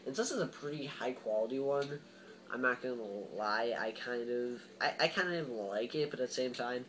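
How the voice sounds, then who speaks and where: A man's voice: mid-range voice, a bit bright, a little hiss or hum, poor audio. A man giving a casual, rambling gear review as a reviewer, informal and emphatic with plenty of hyperbole. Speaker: gas mask reviewer.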